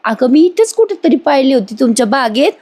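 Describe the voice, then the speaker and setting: Lady putting on a loud rustic older village woman, blunt and scolding, pitched up a bit. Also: very animated, fairly quick. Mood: brash. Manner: brash, scolding.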